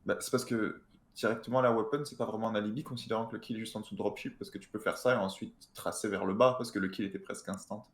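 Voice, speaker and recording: A man's voice: fairly low pitch, fairly even intonation, racing. Man debating suspects in an online game. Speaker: gamer, video host. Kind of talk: casual group discussion during online social deduction game.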